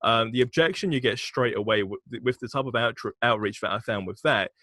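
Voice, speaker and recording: In a dry recording, a man with a brisk, mid-range, slightly bright voice talks as a podcast guest. The agency founder describes his marketing work frankly and informally, with occasional laughter and swearing.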